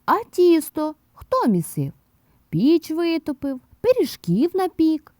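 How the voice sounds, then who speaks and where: A woman's voice: high-pitched, wildly swooping pitch, slow, mellow, no echo, studio quality, voice pushed up, full character voice. A woman voicing a hardworking, cheerful rooster in an audio fairy tale, calling out in a sing-song way. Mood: stern, reproachful. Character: hardworking cheerful rooster, patient then stern.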